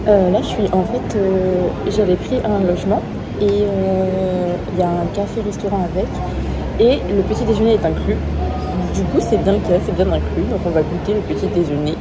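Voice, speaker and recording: A woman's voice: medium pitch, steady tone, moderate pace. Chatty young woman vlogging over street noise. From France. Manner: chatty, informal, lots of hesitations. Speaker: travel vlogger. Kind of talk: casual travel vlog talk to camera. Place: outdoors and in small rooms and cafés in a busy city.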